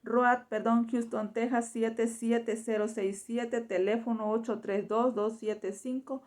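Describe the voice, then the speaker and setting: A woman's voice: fairly high pitch, flat delivery, slow, a little mellow. A woman preaching a sermon fervently in Spanish, filling her phrases with repeated tag questions. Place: church.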